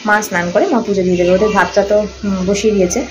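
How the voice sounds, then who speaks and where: A young woman chatting casually through a home vlog, talking softly so sleeping babies stay asleep. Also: mid-range voice, steady tone, rapid-fire, over music, rough recording. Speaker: vlogger. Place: home, indoors.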